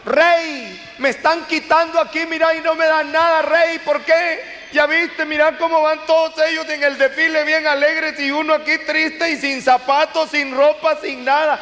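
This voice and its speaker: A man's voice: very high voice, flat delivery, normal speed, hardly any pauses, sharp tone, voice pushed up. A man voicing a poor barefoot man who pleads and complains to a king. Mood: complaining. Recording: long hall reverb, faint noise.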